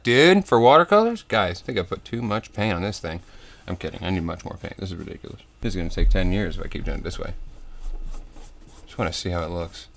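A young man hosting a comedic painting tutorial parody, talking in a soft tutorial voice that slips into crude jokes. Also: low voice. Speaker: comedy host.

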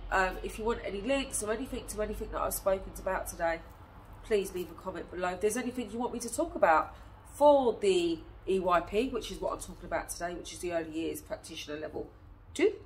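A woman in her thirties with a cold-stuffed nose, an early years teacher, sits on a chair in a small indoor room and chats casually to camera, asking her viewers lots of questions. Her voice is lowish, and the phone camera a short distance away gives a rough recording.

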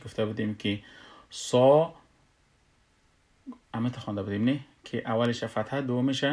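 A man leads a recitation lesson in a mid-pitched voice. He sounds out syllables one by one and stretches each recited word slowly. Between drills, he explains in plain talk. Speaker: tajweed teacher. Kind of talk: recorded lesson.

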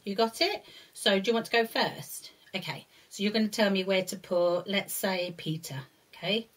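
A middle-aged woman presenting a lesson to young children with a puppet, speaking in simple, singsong, deliberate phrases with questioning tags. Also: mid-range voice, steady tone. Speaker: early years teacher presenting a puppet lesson. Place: indoors, seated before a brick-patterned backdrop.

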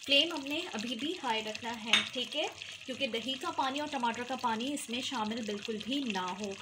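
A woman's voice: on the high side, normal speed. A woman walks through a recipe step by step in her home kitchen, often checking in with "theek hai". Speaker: cooking channel host. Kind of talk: recipe walkthrough over cooking footage. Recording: home video with frying noise. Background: sizzling oil and stirring.

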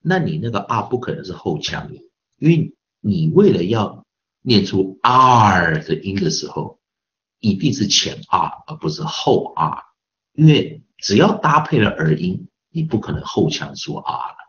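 A man's voice: sits low, very animated, a little slow, a bit bright, lo-fi sound, a little hiss or hum. A man teaching English pronunciation in a recorded online lesson with a Taiwanese Mandarin accent, patiently repeating sounds over and over to demonstrate them.

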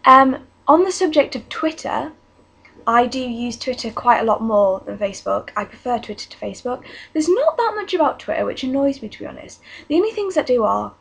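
Teen girl, husky, gravelly, exasperated casual rant, webcam at home. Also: on the high side, sing-song, brisk, fairly bright tone. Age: teens. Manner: exasperated, chatty, many restarts and "like". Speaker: vlogger. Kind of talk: casual ranting vlog. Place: bedroom at home.

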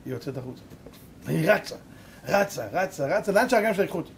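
A rabbi giving a sermon, telling a story dramatically and swinging between loud and hushed. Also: male voice, high-pitched, animated, slight background noise. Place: live lecture event.

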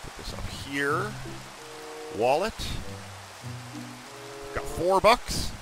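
A man giving excitable let's-play commentary, thinking aloud and talking to his viewers. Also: fairly high pitch, drawn-out words, over music, rough recording. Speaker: gaming YouTuber.

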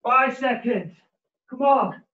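Male fitness coach, gym-bro hype, very high pitch, short energetic commands, echoey living room, muffled distant audio. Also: slow pace. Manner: energetic, exerting himself while exercising. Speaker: personal trainer leading a home workout. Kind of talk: live workout instruction. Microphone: far camera mic across the room. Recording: roomy, muffled, distant home camera audio.

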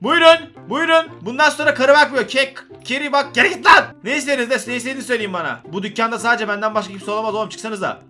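A man's voice: very high voice, very fast, hardly any pauses, faint music behind. A man playing a pushy bossy shopkeeper. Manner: shouty, overeager welcoming then rude.

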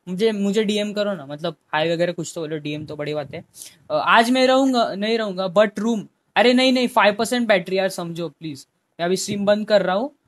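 A young man with a fairly high voice, talking casually into a headphone mic on his game stream. He chats with viewers by name and sometimes pleads with them. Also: fairly bright tone. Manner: chatty, talks to chat viewers by name, pleading at times. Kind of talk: casual live-stream chat.

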